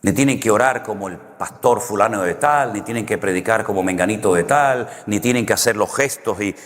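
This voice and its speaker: A man with a Canary Islands Spanish accent, preaching a sermon as a pastor in a conversational, storytelling way with wry humor. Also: medium pitch. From Canary Islands, Spain. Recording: long hall reverb.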